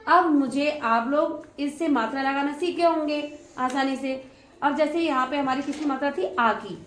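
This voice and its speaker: High-voiced woman teaching a class. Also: moderate pace. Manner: patient, prompting students with questions and praise. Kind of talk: classroom lesson on Hindi vowel signs. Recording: echoey room with faint noise.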